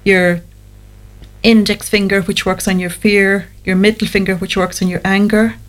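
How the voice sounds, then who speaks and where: A woman's voice: mid-range voice, little pitch movement, normal speed, poor audio. A woman speaking as a guest therapist, giving explanatory advice in an interview. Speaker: guest anxiety therapist on a show.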